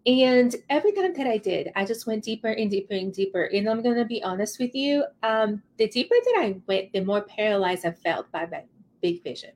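Woman, mid-pitched voice, motivational coaching vlog, earnest, emphatic repetition, conversational check-ins. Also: expressive, brisk, darkish tone, a little hiss or hum. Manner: earnest, emphatic, repeats words for stress. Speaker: coach giving advice. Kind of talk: motivational advice vlog talk.

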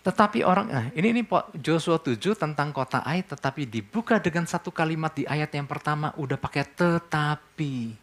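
Pastor preaching conversationally. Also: male voice, a little high, lively intonation, a little fast, a bit bright. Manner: conversational preaching, asks the congregation questions and answers them. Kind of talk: sermon.

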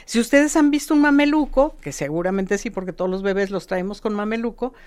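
A woman, a guest expert explaining history in lively, casual conversation, often tagging lines with a questioning "no". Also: medium pitch, a little fast, clear, resonant tone. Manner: lively storytelling with repeated "¿no?" tags.

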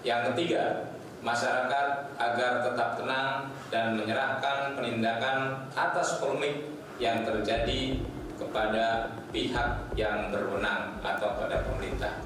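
Man reading formal statement, deliberate, very echoey distant room, noisy. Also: mid-range voice, fairly even intonation. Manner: deliberate, enumerating points. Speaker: religious organization spokesman.

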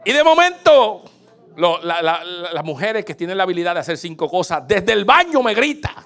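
A man pastor preaching a sermon, telling a homey story and building up to fervent shouting. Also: high voice, normal speed, gravelly. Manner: animated storytelling, rising to shouts.

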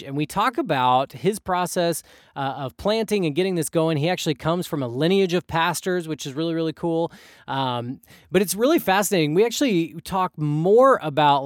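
A young man co-hosts a podcast in a loose, rambling way, full of fillers and restarts. His voice sits a bit high, and the recording is dry and close. He sounds easygoing and conversational. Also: no echo. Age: young adult. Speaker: podcast co-host. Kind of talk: casual podcast chat.

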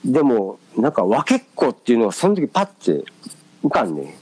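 Speaking a little fast in a husky, mid-range voice, this man co-hosts a podcast and recounts something from his own life with lively, filler-heavy hesitation. He has a Kansai Japanese accent, and the audio quality is poor.

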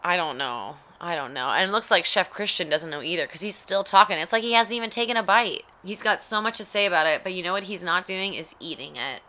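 A woman's voice: mid-range voice, expressive, fast, hardly any pauses, pushed and bright. A woman at home giving wry, sarcastic play-by-play commentary while reacting to a cooking show. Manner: wry, sarcastic running narration. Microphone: home recording mic.

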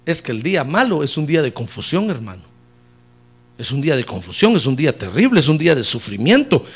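A man preaches a sermon in a high, lively voice that swoops widely in pitch. He is a middle-aged pastor who mixes jokes into his message. He climbs to loud emphatic peaks, then drops low and soft when addressing his listeners. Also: fairly quick, breathy edge. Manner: preaching with humor, rising loud on key points and dropping low and soft on "hermano".

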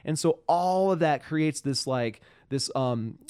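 A man hosting a casual political podcast, frustrated and profane, talking in halting bursts full of restarts. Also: a little high, darkish tone, smooth, dry recording, studio quality. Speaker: podcast host.

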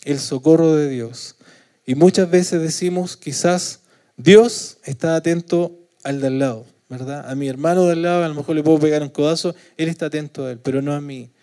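A Chilean man delivering a sermon, his tone dark and mellow, sitting a little higher than a typical male voice. He keeps asking his listeners for agreement with short tag questions. When he acts out prayers he gets loud and pleading, then falls soft at the ends of his phrases. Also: normal speed. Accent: Chilean Spanish. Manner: asks the congregation for agreement with frequent tag questions. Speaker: preacher.

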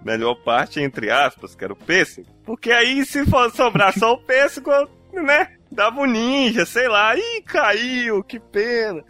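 Animated high-voiced Brazilian man storyteller. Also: normal speed, few pauses, soft background music. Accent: Brazilian Portuguese. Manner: animated, acts out voices in his stories. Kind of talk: casual storytelling chat.

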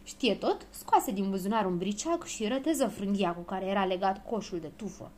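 Woman reading a children's story. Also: mid-range voice. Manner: expressive storytelling. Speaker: narrator.

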